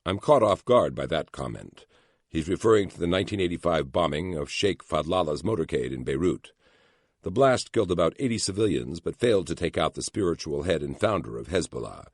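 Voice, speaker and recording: A man reads a thriller audiobook in the first person, steady and measured. His voice sits extremely low with a gravelly, husky grain, and the recording is close and dry. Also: dry recording. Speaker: audiobook narrator.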